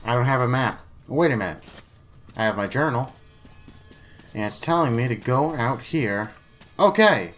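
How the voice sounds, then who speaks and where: A man's voice: medium pitch, moderate pace, pauses often, a bit bright, faint music behind. A man giving casual let's play commentary, chatty and playful, talking to himself and to the enemies on screen. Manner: playful, jokey asides.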